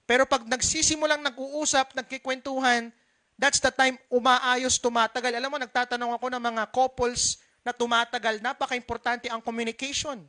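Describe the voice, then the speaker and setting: A man's voice: very high voice, level tone, moderate pace, pushed and bright. A male pastor giving a conversational sermon, switching between Filipino and English and asking his congregation questions.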